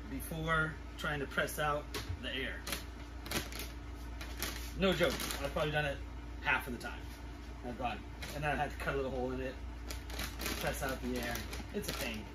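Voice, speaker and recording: A middle-aged man with a sick, congested throat, giving a casual hands-on demonstration in a halting mutter as he works. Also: a little high. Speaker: food-storage vlogger. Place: small living room, indoors. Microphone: camera a few feet away. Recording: distant camera mic, clearly noisy room.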